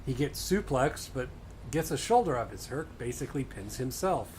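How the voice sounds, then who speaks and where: A man's voice: mid-range voice, animated, normal speed, a little mellow, slight background noise. A man hosting a casual podcast, recapping matches play by play with dry sarcasm and frequent swearing. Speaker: podcast host.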